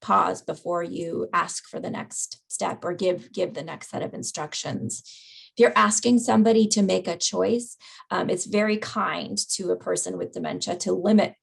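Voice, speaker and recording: Woman teaching a caregiver webinar, raspy creaky voice, lots of ums and right?s. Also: on the low side, normal speed. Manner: conversational, frequent "right?" and "um". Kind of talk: webinar presentation.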